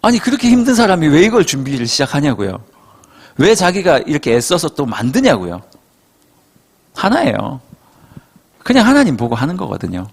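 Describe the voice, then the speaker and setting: A male pastor preaching to young adults, telling stories in an animated way and acting out quotes. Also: a little high, moderate pace, gravelly, long pauses, husky. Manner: animated storytelling, acts out quotes. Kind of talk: sermon to a young adult congregation.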